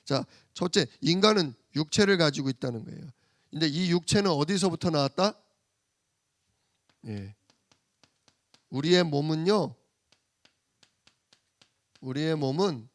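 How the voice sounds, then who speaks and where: Male pastor, high-pitched, dry recording; sermon delivery, rhetorical questions, alternates loud stresses with quiet asides. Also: no echo. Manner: rhetorical questions, answering himself; swings from loud emphasis to soft murmur. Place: church.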